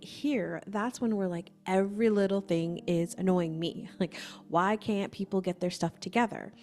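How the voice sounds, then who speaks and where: A woman facilitator giving gentle, conversational instructions for a breathwork session, often saying "like". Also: mid-range voice.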